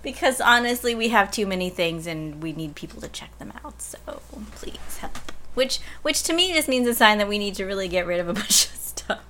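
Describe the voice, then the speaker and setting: A woman's voice: medium pitch, expressive, a little fast, hardly any pauses, sharp tone, slight background noise. A woman who works as a librarian, chatting casually and laughing often. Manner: giggly, rambling. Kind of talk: casual chat.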